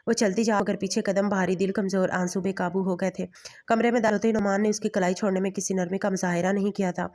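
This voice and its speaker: Flat-voiced woman narrating a romance story. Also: medium pitch.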